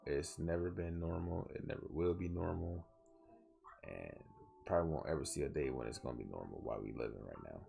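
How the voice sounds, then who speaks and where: A man's voice: very deep voice, lively intonation, fairly quick, creaky, dull audio, faint music behind. A young man hosting a solo podcast, talking earnestly and rambling with many restarts, tired and yawning. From southwest Georgia, US. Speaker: podcast host.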